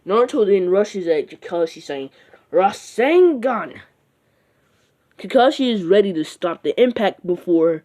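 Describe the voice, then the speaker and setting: Spinning a fan-made what-if tale, this narrator has a mid-range voice with a darkish tone. He or she rambles casually, leaning on fillers such as "like" and "uh" and often starting sentences over.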